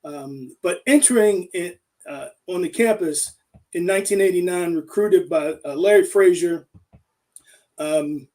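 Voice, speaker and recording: A man in his fifties, a former coach, reminiscing as a guest on a video call, halting with many fillers. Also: high voice, darkish tone, distant mic. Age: 50s.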